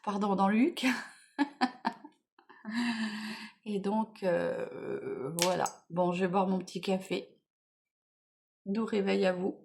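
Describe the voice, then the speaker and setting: A woman's voice: mid-range voice, steady tone, extremely slow, creaky, long pauses, a little mellow, a little hiss or hum. A middle-aged woman chatting casually through a morning makeup vlog, tired and rambling, often trailing off and getting back on track. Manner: rambling, chatty, full of "voilà" and "bon, bref". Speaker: beauty vlogger. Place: at home in the morning.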